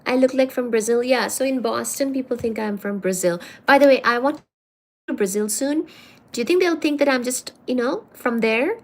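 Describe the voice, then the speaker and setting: Playful and teasing, a woman hosting a livestream reads viewer comments aloud and calls them darling. She talks at normal speed in a slightly high voice, keeping things casual.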